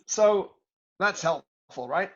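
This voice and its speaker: A man's voice: sits high, expressive, highs cut off. British man telling business stories. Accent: British English. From Britain. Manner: measured, reflective, with frequent hesitations. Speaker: guest speaker, tech executive. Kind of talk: storytelling talk to students. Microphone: video call.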